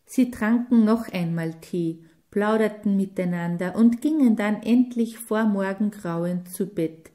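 Woman reading an audiobook, slow and mellow, even. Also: mid-range voice. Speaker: audiobook narrator. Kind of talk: scripted narration.

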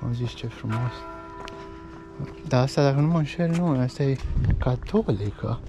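A man's voice: medium pitch, over music. A man vlogging casually as he walks through an old town, pointing out sights, food and prices. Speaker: travel vlogger. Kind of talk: casual walking-tour commentary. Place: outdoors in a pedestrian old town. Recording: lo-fi outdoor recording with street noise.

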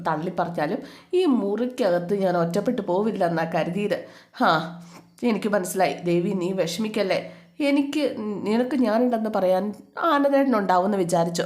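A woman's voice: medium pitch, a little mellow, natural voice. Casting: tearful manipulative young wife, pleading and reproachful, as a woman narrator puts her on.

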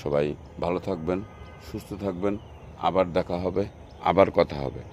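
A man's voice: low voice, moderate pace, a little mellow, a little hiss or hum. A man with a Bangladeshi Bengali accent walks through an outdoor plant nursery, showing the plants in a repetitive, salesy way as he points them out. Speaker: nursery video host. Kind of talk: casual walkthrough narration.

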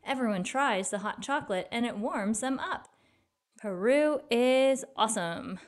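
A woman reading a children's picture book aloud as a storyteller, in an expressive, deliberate way. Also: fairly high pitch.

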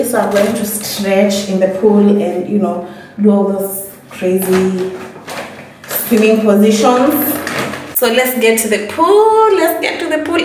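A young woman from Kenya chatting to camera in a casual vlog, animated and laughing often, filmed on a phone camera set at a distance. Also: mid-range voice, a little hiss or hum. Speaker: vlogger. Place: small indoor room, then outdoors by a pool. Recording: echoey room, voice from off-mic, music behind.

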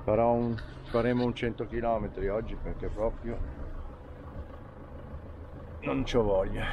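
A middle-aged man chats casually for his travel vlog, both outdoors and inside a camper, recorded on a handheld camera mic that makes the audio muffled and noisy. His voice runs low with fairly even intonation, and he speaks slowly with frequent pauses.

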